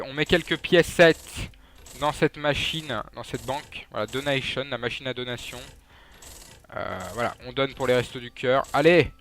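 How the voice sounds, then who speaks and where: A man's voice: mid-range voice, fairly bright tone, a little hiss or hum. A young man giving casual, joking gameplay commentary, trash-talking enemies and swearing. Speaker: gaming YouTuber.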